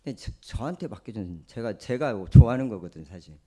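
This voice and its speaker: A man's voice: lowish voice, expressive, a little fast, dark tone, slightly rough. A male pastor with a Jeolla Korean accent, preaching a sermon in a conversational, storytelling way. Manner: conversational, storytelling, acts out quoted speech.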